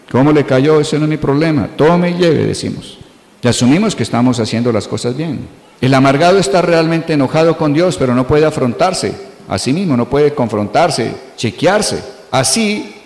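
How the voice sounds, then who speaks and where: A middle-aged Colombian pastor delivers a sermon, firing questions at the congregation and playing out short dialogues. His voice has a gravelly edge. The sound comes from an echoey church hall with a long reverb tail. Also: medium pitch, darkish tone.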